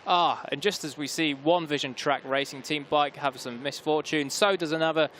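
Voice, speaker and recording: Higher-voiced male motorsport commentator. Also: fairly even intonation, moderate pace, fairly bright tone, slight background noise. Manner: motorsport commentator delivery, running description of the action. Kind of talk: live motorcycle race commentary.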